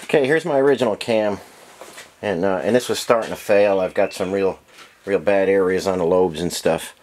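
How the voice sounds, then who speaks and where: A man's voice: deep voice, normal speed, a little mellow, a little hiss or hum. A man casually explaining engine work in a home garage, matter-of-fact with many fillers, heard from an off-screen camera mic. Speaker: engine builder. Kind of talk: casual workshop demonstration.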